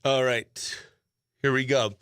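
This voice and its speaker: This morning show host talks slowly in a clean, mid-range voice, studio quality with no echo. He's excitable and playful, running through banter and giveaway patter as music plays faintly.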